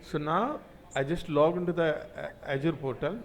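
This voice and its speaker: A man teaching cloud computing in a live online class, speaking through a computer mic on a video call and explaining in halting, repetitive phrases. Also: fairly high pitch, poor audio.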